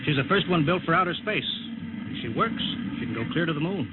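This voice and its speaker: A man's voice: a little high, expressive, fast, over loud music, close to an everyday voice. An actor playing a male project chief who briefs a test pilot in a 1950s radio drama, urgent and emphatic. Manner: urgent, emphatic, gruffly joking. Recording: lo-fi old radio recording with hiss.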